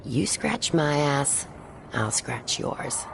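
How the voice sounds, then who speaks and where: Very deep, gravelly female street fixer. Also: very animated, extremely slow, noisy background, heavily acted. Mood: sly, bargaining. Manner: blunt, sly. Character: shady street-smart woman gang fixer, blunt and conniving. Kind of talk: video game character dialogue.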